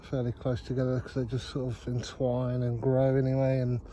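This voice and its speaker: Over poor audio, a mellow, medium-pitched male voice speaks in a monotone at normal speed. He's in his thirties, doing a casual self-deprecating vlog from an allotment garden, rambling with many ums, filmed on a close phone camera with outdoor noise in the background.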